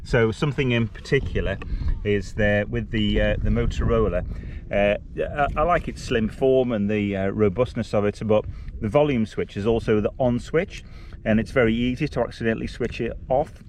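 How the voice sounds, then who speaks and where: A man with a lowish voice, speaking at normal speed, vlogs outdoors on mountainsides and gives casual, conversational field-test commentary. He is a vlogger and hiking group leader, and the outdoor recording is noisy, with clicks.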